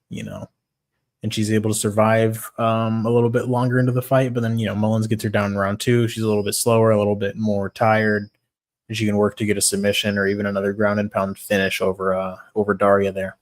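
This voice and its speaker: Young male streamer, lowish voice, tired and laid-back, casual swearing, reading chat between picks. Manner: relaxed, swears casually, greets chat by name. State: tired, yawning. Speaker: livestream host giving fight picks.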